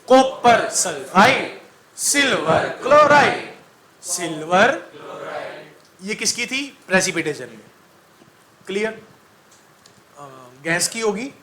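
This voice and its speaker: A man teaching chemistry to a class, quizzing students in a call-and-response style, joking and singing mnemonics. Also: sits high.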